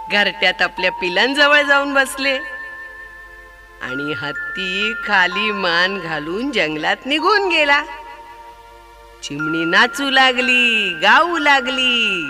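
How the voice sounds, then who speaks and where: Slow, lively-voiced male storyteller. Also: high-pitched. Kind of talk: children's story narration. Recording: story recording over background music. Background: background music.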